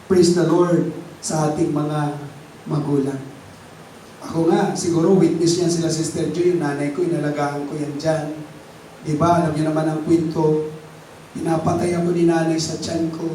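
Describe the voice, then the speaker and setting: Filipino male pastor, high and mellow voice, emotional storytelling sermon, echoey church, distant mic. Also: a little hiss or hum. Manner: emotional storytelling, rising to pleading high pitch.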